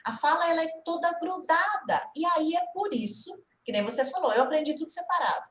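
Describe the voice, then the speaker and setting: A woman's voice: very high-pitched, a little fast, a bit bright, roomy sound, slight background noise, poor audio. A woman with a Brazilian Portuguese accent, an English teacher giving an online lesson and quizzing her student as she explains.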